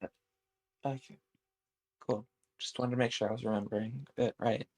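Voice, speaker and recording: A man's voice: mid-range voice, steady tone, normal speed, a little mellow, dry recording. A man playing a tabletop game, hesitant and stumbling over his words as he checks details. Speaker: player.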